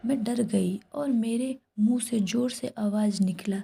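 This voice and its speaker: A woman's voice: fairly high pitch, measured pace, gravelly, mellow, slight background noise. A woman whispering a first-person horror story throughout.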